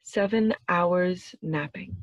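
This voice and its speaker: A woman giving a dramatic reading of a parody carol with theatrical, deliberate phrasing. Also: on the low side, dry recording, muffled recording.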